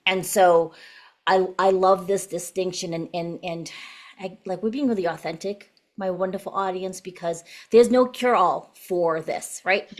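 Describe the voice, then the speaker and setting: A woman's voice: fairly low pitch, steady tone, measured pace. A woman in her late fifties hosting a podcast, talking casually and animatedly, acting out quoted voices and speaking straight to her audience. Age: 50s. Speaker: podcast host.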